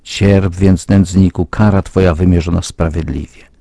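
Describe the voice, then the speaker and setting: A man reads a scolding demon hag from a spoken fable. Her voice is low, dark and husky, and her delivery is slow and accusing. The recording is dry and close. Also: steady tone, no room sound. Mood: stern accusing. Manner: stern, accusing, slow-paced reproach.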